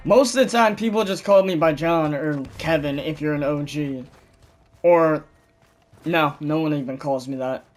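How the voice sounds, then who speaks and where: A young man telling stories in a casual gaming voice chat, animated and swearing freely, loudly mimicking other people. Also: on the high side, normal speed. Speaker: gamer chatting with friends.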